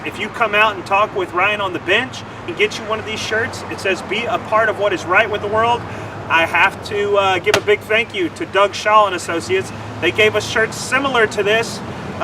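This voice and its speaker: A man chats loosely on a charity livestream, tripping over his words as he goes. He sits a little back from the microphone outdoors. Cars pass steadily on the street behind him. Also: sits high. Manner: rambling, stumbles over words. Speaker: charity development officer. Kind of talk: livestream fundraising chat. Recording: distant mic with traffic noise.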